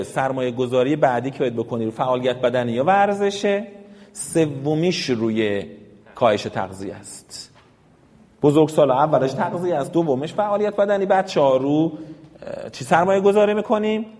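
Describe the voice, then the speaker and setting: A man's voice: on the high side, a little mellow. A man giving an interactive health lecture to a class of parents, quizzing them and leading them in reading aloud together. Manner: quizzes the audience and leads call-and-response. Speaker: health educator. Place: lecture hall with an audience. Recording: long reverb of a lecture hall.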